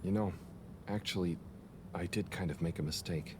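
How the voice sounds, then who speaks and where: A man's voice: low voice, normal speed, close to an everyday voice. An actor voicing Harold, an earnest, awkward young man who talks hesitantly, with ambient noise behind him. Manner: hesitant, mumbling, self-conscious. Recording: game audio with ambient noise.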